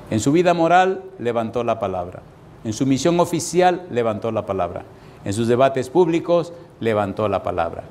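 A pastor preaching an evangelistic sermon, asking the congregation the same rhetorical question twice and slowing down to stress key phrases. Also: male voice, medium pitch, darkish tone, a little hiss or hum.

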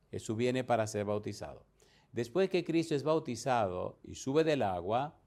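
A man preaching a sermon, reading scripture and explaining it in a slow, deliberate way. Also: medium pitch, darkish tone.

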